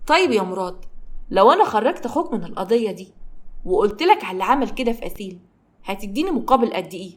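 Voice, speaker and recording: Brief: woman voicing smug Egyptian villain, taunting, fast, storybook. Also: medium pitch, very animated, breathy edge. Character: cold, smug scheming man.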